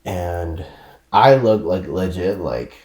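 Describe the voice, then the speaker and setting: Animated low-voiced man telling stories. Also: takes it slowly. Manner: animated, laughing, slangy storyteller. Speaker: podcast guest. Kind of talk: casual storytelling chat. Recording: echoey room.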